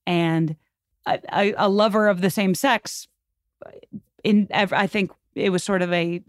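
A woman's steady, mid-range voice unfolds a little slowly as she tells history on a podcast as a guest. Her explanatory style is informal and full of fillers, and the recording is dry and studio quality.

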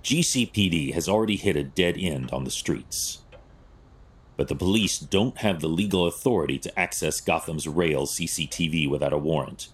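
In an audio drama, a male actor plays a stern, analytical vigilante detective, speaking tersely and clinically in a very deep, gravelly voice. He sounds decisive and moves at a normal speed.

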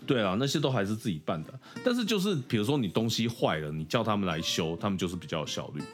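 A man's voice: on the low side, fast. A young man from Taiwan co-hosting a podcast, chatting casually and laughing often. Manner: laughs often, lively storytelling. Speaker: podcast co-host. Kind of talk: casual chat. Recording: faint guitar music behind.

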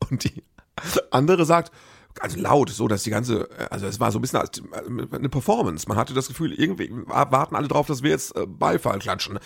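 A comedian telling rambling, self-correcting anecdotes in a casual monologue. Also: male voice, medium pitch, animated, a little fast, vocal fry, breathy edge.

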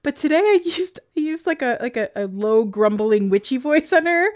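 Woman cohost chatting, kinda high voice that bounces around a lot, keeps giggling. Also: normal speed. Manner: giggly, animated storyteller. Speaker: podcast co-host. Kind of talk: casual chat.

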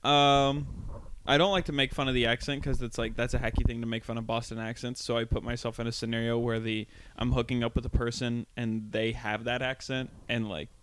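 A man's voice: medium pitch, level tone, brisk, hardly any pauses, a bit bright, slight background noise. A young man with a light Southern American accent on some words, co-hosting a casual comedy chat and telling stories loosely with many fillers. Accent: light Southern American on certain words. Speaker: comedian podcast co-host.

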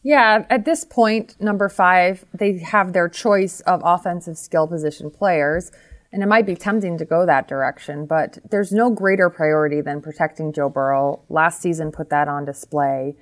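A woman co-hosting a sports podcast, laying out her reasoning in a measured, step-by-step way. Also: fairly low pitch. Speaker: podcast co-host. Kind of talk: casual sports podcast chat.

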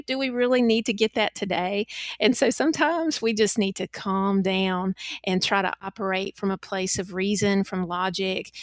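A middle-aged woman speaks in an earnest, emphatic way, her voice sitting at an ordinary middle pitch. The recording is dry and close, with no room sound around her. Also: no room sound. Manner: earnest, faith-centered, warmly emphatic. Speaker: guest. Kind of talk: casual chat.

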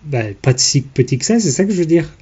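Male podcast host, husky and deep-toned, teasing explainer, dull lo-fi sound. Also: expressive, fast talker, warm tone. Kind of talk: casual chat.

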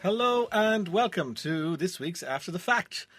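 A man's voice: high voice, expressive, a little slow, fairly bright tone, soft background music. An Irish man hosting a radio trivia quiz from a studio, introducing and moving things along in presenter style. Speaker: quiz show host.

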